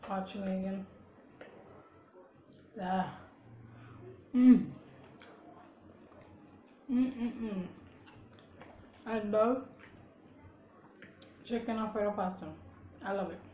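A woman hosting a mukbang eating show, chatting casually with slow words and contented hums between bites, at home. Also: mid-range voice. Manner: slow, relaxed, murmurs and hums while eating. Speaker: mukbang host. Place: home, indoors. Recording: echoey room with faint hum.

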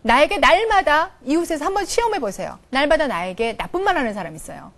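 A middle-aged woman lectures on coaching in front of a studio audience, her voice bright and high. She swings up and down through her pitch and slips into quick character voices for little scenes. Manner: animated, acts out little dialogues in changing voices. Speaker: professor giving a coaching lecture. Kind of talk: televised lecture.

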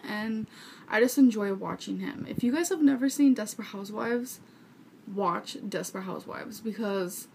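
A woman's voice: a little high, a little hiss or hum. A woman in her twenties chatting informally and earnestly to viewers, rambling a little as she answers their questions. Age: 20s. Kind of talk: casual chat to viewers. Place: small furnished bedroom indoors. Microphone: webcam or camera mic at arm's length.

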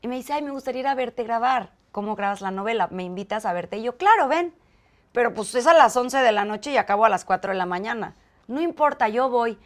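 Animated Mexican woman telling a story. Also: a little high, quick pace. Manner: animated, acts out quoted dialogue. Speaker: interview guest. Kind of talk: conversational storytelling.

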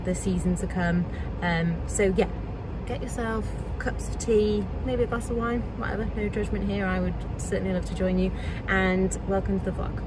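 A woman's voice: fairly low pitch, noisy background. A young woman chatting to camera in her vlog, rambling with lots of fillers and side notes. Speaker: vlogger.

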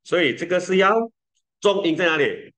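A man's voice: sits high, animated, normal speed, sharp tone. A man teaching an English lesson in a playful way, switching between languages and repeating words for learners to copy.

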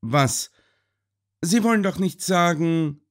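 A shrewd, calm detective reasons aloud in measured, thoughtful tones, as a male narrator voices him. His voice sits a little higher and moves lively through each point.

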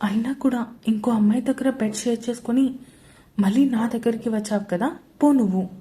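A woman voicing a feisty young pregnant wife who talks high and defiant. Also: a little fast, mellow, natural voice. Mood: hurt.

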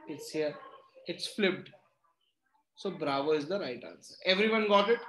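A high-pitched male teacher with a North Indian accent speaks in a room with noticeable echo. He leads the lesson interactively, slipping Hindi phrases into English and repeatedly asking short questions to check understanding. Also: a bit bright. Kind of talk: interactive online reasoning lesson. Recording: roomy echo on the voice.

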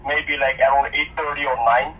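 A man's voice: medium pitch, little pitch movement, normal speed. Man on a tinny phone line. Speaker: fast-food restaurant employee. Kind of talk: customer phone call. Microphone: telephone.

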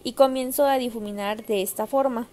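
A woman's voice: a little high, fairly even intonation, a little fast, darkish tone. A young woman narrating her makeup tutorial to viewers in a chatty way, with lots of filler sounds. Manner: chatty, addresses viewers as girls, many fillers. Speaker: makeup vlogger.

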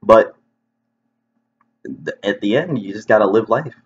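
A man talking earnestly to viewers from home in a halting, reflective vlog monologue, often restarting his sentences. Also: lowish voice, lively intonation, breathy edge. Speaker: video creator. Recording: dull lo-fi recording.

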